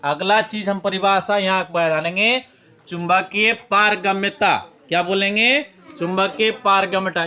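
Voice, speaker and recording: A man's voice: high-pitched, pushed and bright. A male physics teacher with a Bihari Hindi accent, giving a classroom lecture with a hands-on demonstration and coaxing students to repeat terms aloud.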